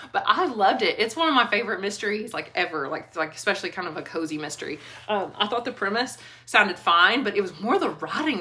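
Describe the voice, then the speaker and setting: Woman, casual book vlogger, animated and giggly, clear bright tone. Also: mid-range voice. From Kentucky. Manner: chatty, animated, laughs often, trailing restarts. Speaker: school librarian book reviewer. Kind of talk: casual book review vlog.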